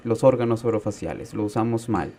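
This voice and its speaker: A man's voice: on the low side, brisk, warm tone. A man, a speech therapy specialist, explaining speech disorders on a radio talk show, patiently and with spoken examples.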